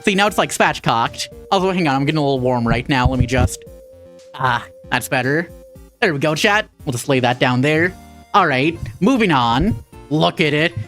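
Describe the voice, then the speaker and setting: A woman with a Minnesotan accent chats casually on a craft livestream. Her lively voice jumps up and down as she talks. She jokes irreverently with her viewers while she sews. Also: low voice, moderate pace, faint music behind. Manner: irreverent, jokey, talks to chat while sewing. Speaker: VTuber streamer.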